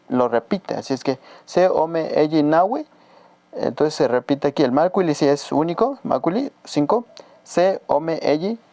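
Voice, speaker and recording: Mexican man, language teacher; patient, repeats slowly, mellow voice, dry close sound. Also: fairly high pitch, no room sound. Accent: Mexican Spanish. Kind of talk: casual spoken lesson.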